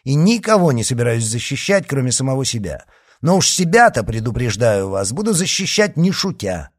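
A man's voice: medium pitch, very animated, normal speed, dry recording, studio quality, pitched above the performer's own voice. A man reading a story aloud and voicing a bold, hot-tempered young musketeer who speaks in a brash, defiant way. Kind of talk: audiobook character reading.

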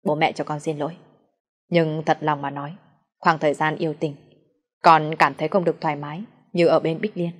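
A woman with a low voice reading the lines of a young man who politely pleads with his parents. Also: level tone, brisk. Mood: pleading.

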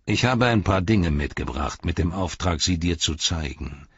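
A scornful, gloating herald of a dark lord taunts his enemies, as a man reading an audiobook puts him on. The voice is deep and husky, with a mocking edge that swings higher in sharp jabs. The recording is dry and a bit dull. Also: expressive, normal speed, no room sound, heavily acted.

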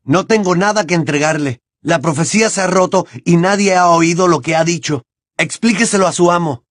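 A man voicing a defiant teenage boy wizard in an audiobook, shouting and taunting. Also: fairly high pitch, unhurried, dry recording, studio quality, voice pushed up, natural voice. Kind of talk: audiobook character voice.

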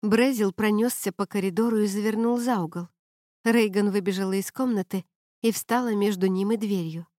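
A woman reading a first-person novel as an audiobook narrator, in a steady, even way. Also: medium pitch, moderate pace, no room sound, studio quality.

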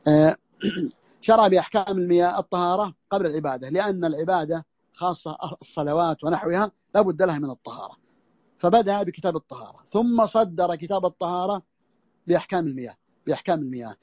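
High-voiced man giving a dry audio lesson. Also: fast talker, darkish tone, no room sound. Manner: repeats phrases and restarts as he explains, clears his throat. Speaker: Islamic scholar teaching a fiqh text. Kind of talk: recorded audio lesson explaining a classical text. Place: audio lesson over a social media voice room.

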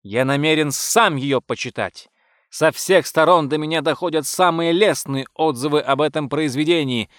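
A man doing a cheeky young gentleman. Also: a little high, moderate pace, no room sound, clean studio sound, voice pushed up, natural voice. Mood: defiant. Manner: breezy, eager. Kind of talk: audiobook character voice.

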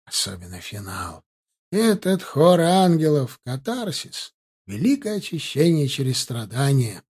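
A man's voice: mid-range voice, very animated, measured pace, a little mellow, husky, exaggerated voice. A man reading an audiobook, voicing an effusive elderly professor who speaks in exclamations. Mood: musing. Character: excitable elderly male professor.

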